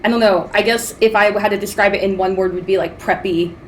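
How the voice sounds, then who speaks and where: Young woman, podcast guest, casual animated chat, middle pitch, faint hiss behind. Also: fast talker, poor audio. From Singapore, then US and Hong Kong. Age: young adult. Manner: animated, many "like" fillers.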